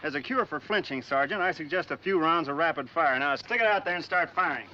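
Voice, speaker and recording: An actor playing a stern, dry army officer in a 1940s comedy film, formal, clipped and commanding. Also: male voice, on the high side, lively intonation, quick pace, lightly acted. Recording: very noisy, muffled old film soundtrack.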